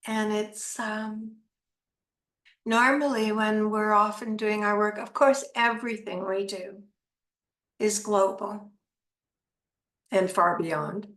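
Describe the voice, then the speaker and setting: A woman leading a guided meditation talk in a soothing, unhurried manner with long pauses. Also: medium pitch, steady tone, fairly bright tone, echoey room.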